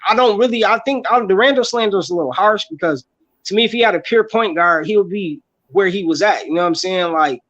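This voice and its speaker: A man's voice: high voice, fast, a bit bright, muffled recording. A man of about thirty from upstate New York, venting in a casual podcast chat and saying "bro" a lot. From Rochester, New York. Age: 30s. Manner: frustrated, repeats "bro" often. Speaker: podcast panelist.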